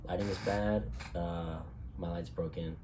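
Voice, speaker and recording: A man's voice: sits low, fairly even intonation, unhurried, background noise. A young man with a cold, congested and sniffly, talking casually to camera in a rambling way with many fillers and some swearing. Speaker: vlogger.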